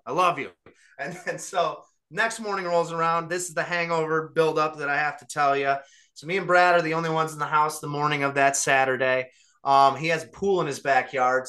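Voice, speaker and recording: A man's voice: on the high side, bright, forceful tone. A young adult man, co-host of a podcast, animatedly telling a funny story in casual chat and laughing along the way.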